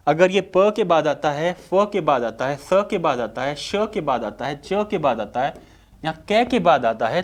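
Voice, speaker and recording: A man with a Hindi accent teaching English pronunciation in an exam-prep lecture, asking questions and answering them himself. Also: on the high side. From India. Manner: rhetorical questions answered himself, drawn-out sounds.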